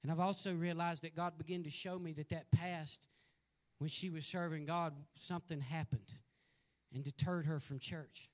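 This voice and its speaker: Male evangelist, high voice, folksy storyteller who builds to loud exhortation. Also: fairly even intonation, moderate pace. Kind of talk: sermon.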